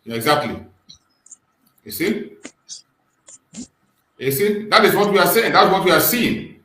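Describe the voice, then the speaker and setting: A man's voice: high-pitched, big pitch swings, a little slow, pushed and bright, a little hiss or hum. A man with a Nigerian accent hosting a live call-in discussion, speaking in an emphatic, repetitive way. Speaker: host of a live online political discussion. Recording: roomy, echoing online stream.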